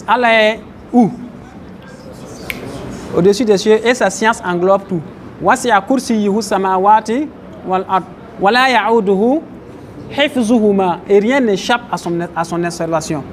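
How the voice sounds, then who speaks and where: Guy with a high voice teaching a mosque class, keeps asking the room questions, bit of street hum. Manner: questions the audience, explains Arabic terms. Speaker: Islamic teacher. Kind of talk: religious lecture to a class. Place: mosque, faint outdoor traffic behind.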